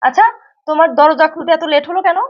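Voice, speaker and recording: A young woman acting a wife in a domestic drama, questioning and then shouting in fury. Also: high-pitched, steady tone, quick pace, highs cut off.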